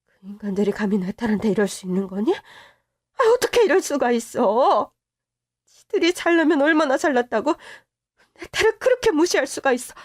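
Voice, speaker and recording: A woman's voice: sits high, very animated, normal speed, darkish tone, dry recording, studio quality, pitched below the performer's own voice. A woman voicing a distraught middle-aged mother who bursts out in protective, tearful indignation, in a dramatized story reading. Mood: outraged. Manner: exclaiming, tearful outbursts.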